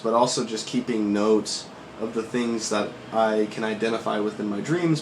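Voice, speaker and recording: A low-voiced man records a casual dream-journal vlog, his voice worn out from a recent illness. He recounts his dreams in a rambling, reflective way with some swearing. The room gives his voice a clear echo, with faint noise underneath. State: voice worn out from recovering from sickness. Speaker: vlogger.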